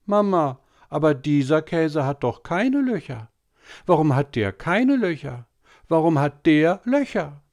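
Brief: man doing a high, whiny little boy who keeps pestering with questions, storybook reading. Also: very animated, unhurried, a little mellow. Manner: whining, insistent questioning. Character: small boy, whiny, stubbornly curious.

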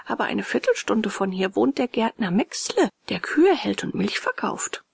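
A woman's voice: medium pitch, big pitch swings, moderate pace, creaky, husky, no echo, full character voice. A woman voicing a small, wise cricket in a storybook, stern but kind and lecturing.

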